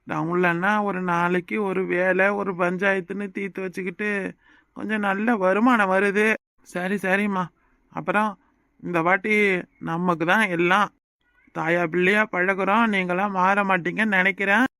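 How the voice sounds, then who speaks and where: A man voicing a smooth party fixer. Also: high voice, flat delivery, moderate pace, bright, forceful tone, dry recording, studio quality. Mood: persuading. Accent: southern Tamil Nadu rural dialect. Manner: patronizing, persuasive. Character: smooth-talking middle-aged male party fixer. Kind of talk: cartoon voice acting.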